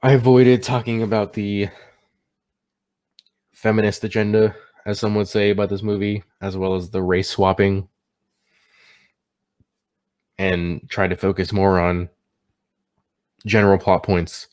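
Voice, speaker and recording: Tipsy, low-voiced man reviewing a movie. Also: little pitch movement, normal speed, long pauses, darkish tone. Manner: tipsy, stumbling over words and catching himself. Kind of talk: casual unscripted movie review to camera.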